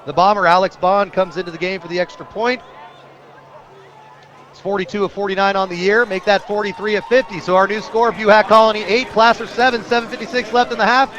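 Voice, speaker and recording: This American radio announcer calls live high school football at a brisk clip, the sound lo-fi. He roots for the home side and grows excited whenever a big play happens.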